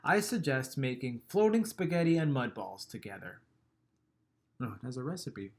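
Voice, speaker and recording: A man reading a children's picture book aloud, gentle and expressive, letting line endings trail off softly and chuckling at the funny bits. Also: mid-range voice, normal speed.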